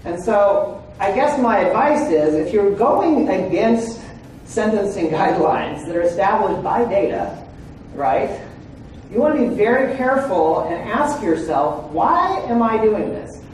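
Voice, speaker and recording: The speaker is a man presenting at a legal training seminar, lecturing conversationally in a large, echoey hall and frequently checking in with "right?" and "okay?". His high voice is animated with a darkish tone and measured pace. The mic is distant, picking up a little hiss or hum.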